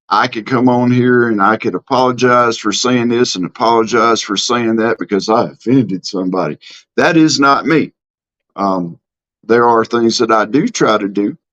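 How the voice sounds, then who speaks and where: Reading comments aloud during a casual live stream, this middle-aged host from Mississippi has a relaxed, plain Southern accent with a drawl, plus ums and false starts. His voice is of ordinary pitch with a fairly bright tone, carried over dull, lo-fi audio.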